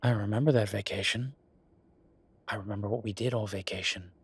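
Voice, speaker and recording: A man voices an affectionate, wry werewolf bureaucrat for an intimate audio roleplay, speaking in a low-leaning, husky tone that barely rises or falls. His talk is casual and halting, like a relaxed boyfriend at work, steady and with no echo. He seems amused and unrepentant.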